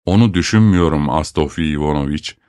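A man's voice: rumbling low, fast talker, warm tone, smooth, dry recording, voice pushed down. A man reading a story, voicing a humble, timid older male drunkard in a subdued tone.

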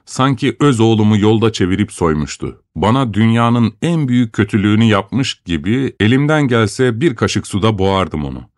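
A man reading a first-person story aloud in an expressive, measured storytelling manner. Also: fairly low pitch, no echo, studio quality. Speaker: narrator.

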